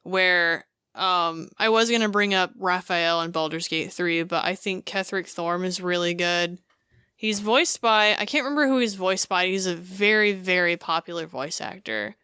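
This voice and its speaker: A woman co-hosting a podcast, recounting a game scene in casual chat, animated and full of fillers. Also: fairly low pitch, moderate pace, clean tone, no echo, clean studio sound. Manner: animated storytelling with many fillers. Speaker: podcast co-host.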